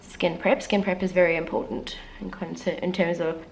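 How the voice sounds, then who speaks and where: The audio is poor and carries a little hiss or hum. A young beauty vlogger, her voice on the low side and flat at a normal pace, walks casually and candidly through a makeup tutorial. She sounds a little congested from the flu she's getting over and makes self-deprecating asides.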